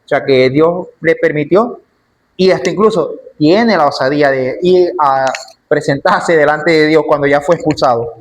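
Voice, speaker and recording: A man's voice: a little high, normal speed. A man teaching a church Bible class in an emphatic way, often repeating his key phrases.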